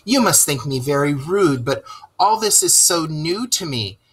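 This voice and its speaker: A man's voice: on the high side, expressive, unhurried, fairly bright tone, husky, pitched above the performer's own voice, full character voice. A man voicing a timid, wide-eyed young male mole who asks eager, wondering questions in a storybook reading.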